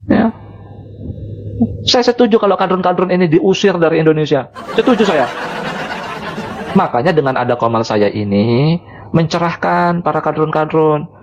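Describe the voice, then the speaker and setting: A man's voice: fairly high pitch, expressive, normal speed, pauses often, lo-fi sound. Mocking, chuckling man on a noisy live stream. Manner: mocking, chuckling between phrases. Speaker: live-stream religious debater. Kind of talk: casual live-stream talk.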